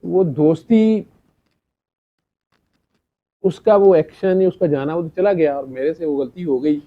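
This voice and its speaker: The storyteller here is a middle-aged man with a fairly high, unhurried voice, sharing a chatty anecdote with a gathering. He performs the dialogue and laughs between lines, captured on a dull lo-fi recording.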